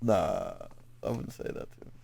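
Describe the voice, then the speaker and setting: A man with a low voice, chatting on a casual podcast. He trades dry, hesitant retorts with his co-hosts. The sound is close and dry, with no room echo. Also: huge pitch swings, moderate pace, creaky, mellow, husky. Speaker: podcast co-host. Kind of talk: casual chat.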